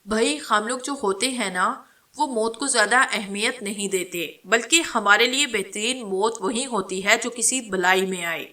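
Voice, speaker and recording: A woman reading the lines of a calm, confident old male holy man in a dramatic story, speaking steadily and a little mockingly. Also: mid-range voice, far from the mic, natural voice. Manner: steady, unhurried, mildly mocking.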